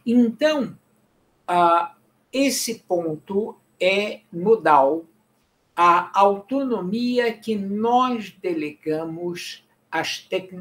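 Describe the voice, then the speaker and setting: A man giving an academic presentation at a conference, speaking deliberately and often correcting himself mid-phrase. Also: on the high side. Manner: deliberate, halting, with frequent self-corrections.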